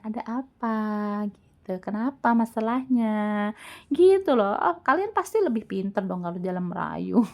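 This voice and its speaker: A woman giving a casual tarot reading to her viewers in a chatty, teasing way, laughing often. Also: fairly high pitch. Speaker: tarot reader.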